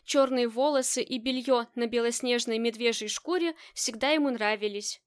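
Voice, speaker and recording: A woman reading a romantic crime novel aloud in an even, storytelling manner. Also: on the high side, moderate pace, smooth, no echo, clean studio sound. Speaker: audiobook narrator. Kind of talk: scripted narration.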